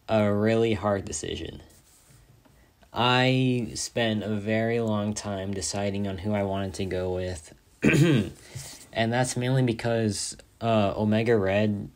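A young mobile game content creator, his slightly low voice raspy and hoarse after a long day of talking, gives casual gameplay commentary. He rambles excitedly about his game rewards, packing in filler words and saying "like" a lot.

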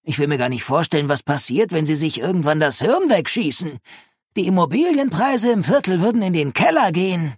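Narrator doing a nosy old lady neighbor, snide, high and croaky, audiobook. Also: big pitch swings, a little slow, dry recording, clean studio sound, exaggerated voice. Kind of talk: audiobook reading.

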